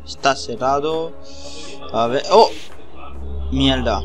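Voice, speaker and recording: A man's voice: mid-range voice, slow, faint music behind. A man with an accent from Spain giving casual, rambling, repetitive gameplay commentary with plenty of swearing. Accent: Spanish from Spain. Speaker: gamer.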